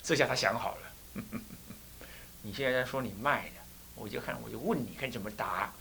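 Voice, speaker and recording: A man's voice: mid-range voice, normal speed, gravelly, sharp tone, slightly rough. A Taiwanese man, a Buddhist temple abbot, tells a story during a dharma lecture in Taiwanese Mandarin. He laughs often, acts out the characters and makes sound effects as he goes.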